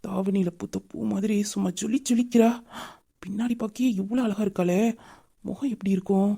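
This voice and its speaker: A woman voicing a leering young man who harasses a woman, with sly muttered asides and fawning flattery, in an amateur audio drama. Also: medium pitch, a little fast, creaky, husky. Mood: scheming.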